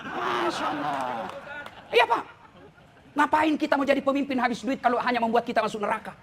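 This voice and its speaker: A man's voice: extremely high pitch, fast talker, background noise. A man preaching a humorous sermon, teasing his listeners and often addressing them as "Pak". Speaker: preacher and lecturer.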